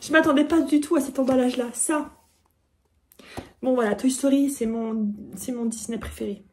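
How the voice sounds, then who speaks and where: A bubbly vlogger with a slightly high voice chats to the camera at a moderate pace while unboxing a parcel, getting excitable and giggly. A faint hiss runs beneath the recording.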